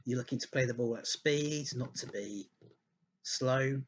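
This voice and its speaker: A man gives casual football analysis over slides, thinking aloud and rambling with many ums and restarts while hiccuping and burping. He speaks a little slowly at a medium pitch, with a breathy edge.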